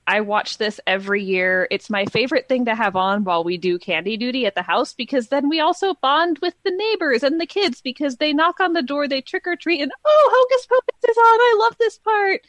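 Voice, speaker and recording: A woman's voice: on the high side, lively intonation, brisk, hardly any pauses, a bit bright, dry recording. Enthusiastic chatty woman, dry studio. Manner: enthusiastic, chatty, laughs often. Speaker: podcast co-host. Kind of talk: casual chat.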